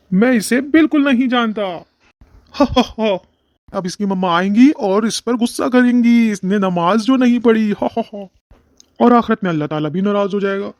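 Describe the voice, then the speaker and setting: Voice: mid-range voice, fairly quick, few pauses, a little mellow, natural voice. A performer playing a scheming male devil who chuckles and coaxes a child in a moral short film. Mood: gleeful. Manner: gleeful, chuckling, coaxing.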